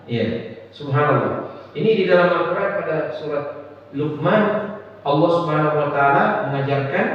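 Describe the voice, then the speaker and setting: A male preacher, his fairly high voice picked up far off in a large, strongly echoing mosque hall. He talks to the congregation in a relaxed, friendly way, dropping in little tag words and soft laughs. The recording is slightly dull, with a faint hiss underneath. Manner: conversational, often adds "ya" and laughs at own anecdotes. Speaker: Islamic preacher. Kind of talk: mosque sermon on parenting. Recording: echoey hall, distant mic, dull sound, faint noise.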